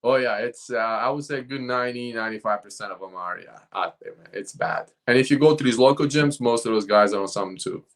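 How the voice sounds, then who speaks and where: A man's voice: medium pitch, fast, few pauses. A young man, a fitness coach, chatting casually and rambling a little, often tossing in "man" at the end of a phrase. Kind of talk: casual podcast chat.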